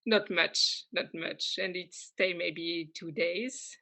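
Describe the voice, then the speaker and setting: Bright-voiced French woman, hesitant speech. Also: on the low side, slow pace, vocal fry. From France. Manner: hesitant, many fillers and restarts, warm laughs. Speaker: interview guest. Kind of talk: casual conversational interview.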